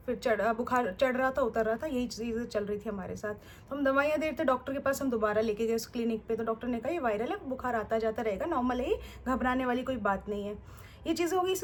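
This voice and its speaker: A young woman vlogger telling a story in a chatty, expressive way and mixing in English words. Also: sits high, slight background noise. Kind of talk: casual vlog storytelling.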